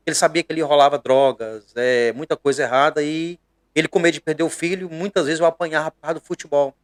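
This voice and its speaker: Brazilian pastor, middle-aged man from Bahia, earnest conversational preacher with a slightly high pitch. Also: fairly even intonation, fast, no echo. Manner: earnest and emphatic, with frequent hesitations.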